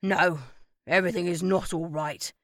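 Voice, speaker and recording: A woman voicing a grumpy old male neighbour who complains loudly and grumbles. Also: lowish voice, a little slow, dry recording, studio quality. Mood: grumbling.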